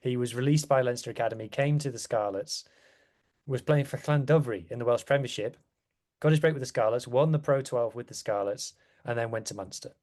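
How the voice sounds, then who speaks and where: A man's voice: mid-range voice, a little fast, darkish tone. A man chatting casually as a rugby podcast guest, with wry, self-deprecating asides. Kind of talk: casual chat.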